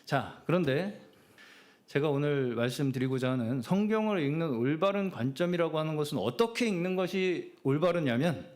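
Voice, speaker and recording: Middle-aged male pastor, lively and high-pitched, chatty sermon delivery with frequent affirmations. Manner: conversational preaching, frequent affirming "예" interjections. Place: church sanctuary.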